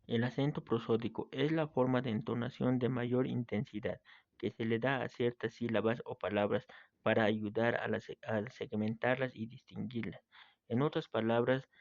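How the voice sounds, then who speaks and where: Male teacher, steady read-aloud grammar lesson, close dry mic, slightly dull sound, mid-pitched. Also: vocal fry, dry recording. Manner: reads steadily from a text, with small slips and restarts.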